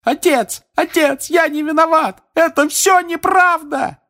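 A man voicing a desperate young man who screams and pleads in a shrill voice, in an audiobook. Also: measured pace, pushed and bright, heavily acted. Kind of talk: audiobook character voice.

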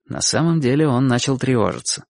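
A man reading a story aloud with lively, expressive narration. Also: medium pitch, brisk, vocal fry, no echo, studio quality.

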